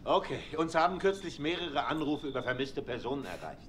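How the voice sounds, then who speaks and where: A man's voice: fairly high pitch, big pitch swings, fairly quick, heavy background noise. An actor playing a commanding, distrustful male sheriff's deputy in a dubbed game scene. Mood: stern. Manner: commanding, dismissive. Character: gruff adult male rural deputy, distrustful.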